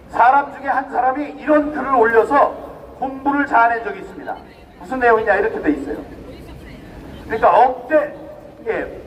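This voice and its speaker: A middle-aged man with a strikingly high voice delivers an emphatic outdoor rally speech, turning to the crowd with rhetorical questions. He sounds set back from the microphone, with a faint hiss of open-air noise behind him. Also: far from the mic, low-quality recording. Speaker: rally speaker.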